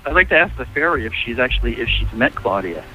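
A man chatting casually as a caller on a show, halting and repeating his words. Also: mid-range voice, expressive, highs cut off, faint music behind. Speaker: phone-in guest and staff member of the show. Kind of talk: casual chat.

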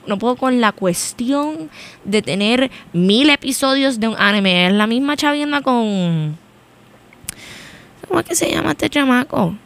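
Speaking in a mid-range voice with no echo, a young Puerto Rican woman chats casually on air as host of a college radio show. She rambles along with a Puerto Rican accent, flipping between English and Spanish partway through sentences.

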